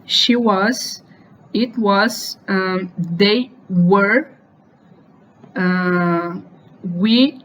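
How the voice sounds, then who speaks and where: A woman teaching an online grammar lesson, explaining slowly and patiently, often stopping to check whether her students have questions. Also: medium pitch, a bit bright, slight background noise, rough recording. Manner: slows down to spell out English example phrases. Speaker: English teacher.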